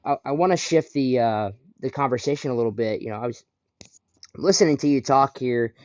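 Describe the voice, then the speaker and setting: A male podcast host with a mid-range, darkish voice speaks a little fast in a conversational interview, affirming his guest and steering the talk with follow-up questions. The audio is dry, dull and lo-fi, with no echo.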